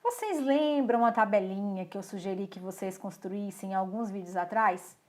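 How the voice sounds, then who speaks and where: A woman from Brazil teaching English online, explaining grammar step by step and reading English sentences slowly and carefully. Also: medium pitch, a little mellow.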